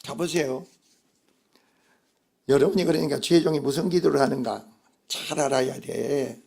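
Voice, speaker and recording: Gravelly, husky male pastor preaching. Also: mid-range voice, moderate pace, a little mellow. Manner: emphatic, asks the congregation rhetorical questions. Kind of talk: sermon.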